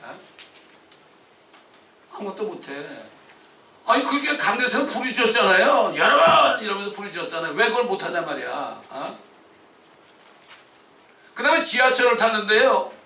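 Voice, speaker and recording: Fervent preacher with a bright, ringing voice. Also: male voice, high-pitched, very animated, moderate pace, pauses often. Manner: fervent preaching with sudden shouts. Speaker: pastor. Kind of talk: sermon. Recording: echoey church hall, distant mic.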